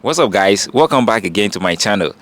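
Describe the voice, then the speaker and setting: A man's voice: on the low side, lively intonation, brisk, a bit bright, soft background music. A man hosting a casual street interview vlog outdoors, asking short friendly questions. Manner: friendly, brief prompting questions. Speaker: street interviewer and channel host.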